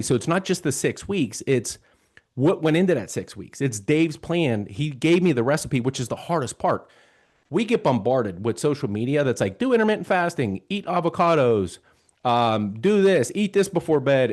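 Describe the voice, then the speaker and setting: A man in his fifties, hosting a show, tells a personal story in a relaxed, earnest manner while retelling the dialogue. His voice is medium-pitched and a little mellow.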